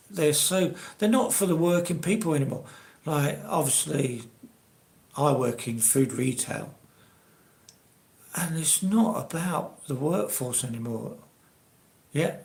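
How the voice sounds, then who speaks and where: Gravelly older English man in an echoey room. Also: fairly high pitch, a little mellow. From England. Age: 60s. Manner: rambling, conversational. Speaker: live stream host. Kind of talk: casual live chat. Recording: roomy, echoey live stream.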